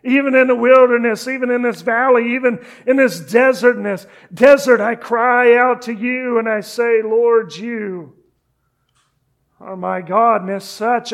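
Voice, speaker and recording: A man preaching a sermon as pastor, earnest, dropping to a hush on key phrases and adding conversational asides with gentle teasing. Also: extremely high pitch, steady tone, takes it slowly.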